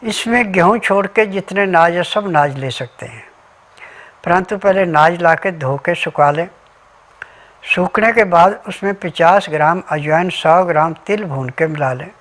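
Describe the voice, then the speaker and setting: A man's voice: high-pitched, measured pace, fairly bright tone. Methodical man explaining home remedies. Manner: methodical, lists remedies and diet rules step by step. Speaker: Ayurvedic remedy advisor. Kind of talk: instructional health talk.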